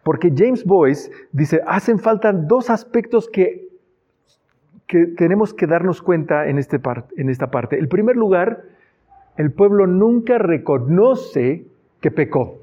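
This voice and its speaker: Earnest male preacher, fairly high voice. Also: animated, slow pace, warm tone. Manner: earnest, reads Bible passages aloud and adds asides. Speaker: pastor. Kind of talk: sermon. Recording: dull lo-fi sound.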